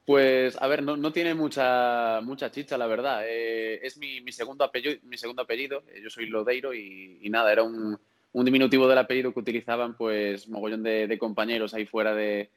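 A young man, a singer guest on a podcast. His voice has a middle pitch, and he talks in halting bursts, repeating words and laughing often. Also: fairly even intonation. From Galicia, Spain. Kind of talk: podcast interview.

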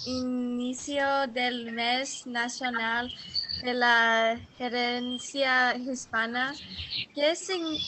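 A woman, an English speaker, hesitantly asking a question in halting learner's Spanish and stumbling over words. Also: on the high side, sharp tone, a little hiss or hum, poor audio. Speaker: audience member asking a question.

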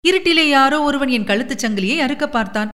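A woman's voice: high-pitched, lively intonation, fast talker, a bit bright, big-room sound. Woman doing a gushing young would-be actress. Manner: sweet, apologetic and gushing. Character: young woman hoping to become a film actress.

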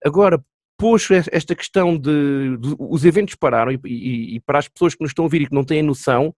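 Fast-talking Portuguese man, higher-pitched voice. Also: darkish tone, dry recording, studio quality. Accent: European Portuguese. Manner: colloquial, chatty. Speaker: interviewer, host. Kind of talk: casual conversational interview.

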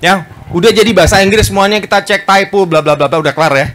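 Fast, animated man speaking at a book talk. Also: sits high, a little hiss or hum. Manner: animated, fast, acts out quoted voices, often adds "Pak". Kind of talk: lively public talk to an audience. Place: bookstore event space.

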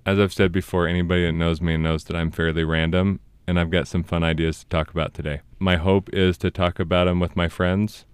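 A man in his thirties hosts a casual podcast, telling a personal story in an earnest way. His voice sits very low and comes across clean and smooth. The sound is close and dry, with no room around it. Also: flat delivery, fairly quick, few pauses, dry recording. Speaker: podcast host.

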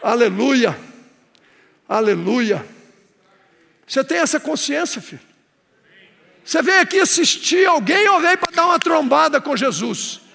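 A man with a Brazilian Portuguese accent preaching a sermon to a church congregation, swinging between hushed prayer and shouted exhortation. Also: extremely high pitch, very animated, unhurried, creaky, pauses often, big-room sound. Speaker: pastor.

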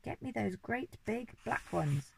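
A woman voicing a grumpy, rich old duke who shouts and blusters, in a storybook reading. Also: medium pitch, lively intonation, slow pace, vocal fry, a little hiss or hum, voice pushed up, full character voice. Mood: demanding.

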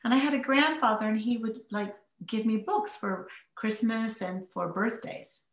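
A woman guest telling stories from her childhood in a warm, reflective, conversational way. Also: a little high, normal speed, reverberant. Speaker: interview guest. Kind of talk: conversational storytelling.

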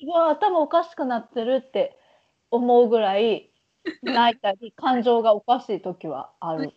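Chatty Kansai woman, lively high voice. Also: unhurried. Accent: Kansai Japanese. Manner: animated, chatty, laughs often. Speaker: podcast co-host. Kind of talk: casual chat. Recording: lo-fi dull sound.

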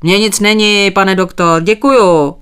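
Stubborn, evasive old farmer man, as a woman puts him on in an audiobook, a bit high and loud. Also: smooth, close to an everyday voice. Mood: polite, evasive. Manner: politely evasive, keeps thanking. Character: stubborn old male sheep farmer, polite.

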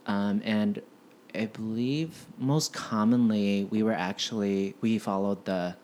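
A man's voice: lowish voice, fairly even intonation, takes it slowly, darkish tone, a little hiss or hum. A man in his twenties from the United States, a guest in a casual podcast conversation, talking hesitantly with many "um" and "like" fillers. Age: 20s.

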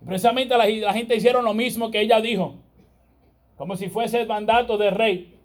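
A man's voice: sits high, steady tone, normal speed. A man preaching a sermon, emphatic and repeating his phrases for weight.

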